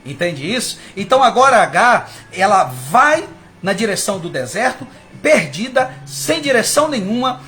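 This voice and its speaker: A man's voice: high voice, very animated, normal speed, pushed and bright, faint music behind. A man preaching a sermon with fervor, speaking to his listeners as brothers. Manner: fervent, rising and falling, addresses listeners as brothers.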